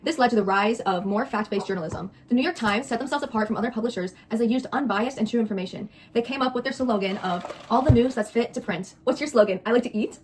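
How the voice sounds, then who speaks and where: Very fast, higher-voiced young woman co-hosting. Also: a little mellow, a little hiss or hum. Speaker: co-host of a mukbang video. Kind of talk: scripted explainer mixed with playful banter.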